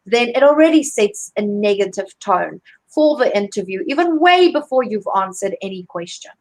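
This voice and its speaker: A woman's voice: medium pitch, expressive, normal speed, a little mellow, low-quality recording. A woman with a South African accent, a career coach giving advice on a live video call, chatty and full of fillers and restarts. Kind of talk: live online interview.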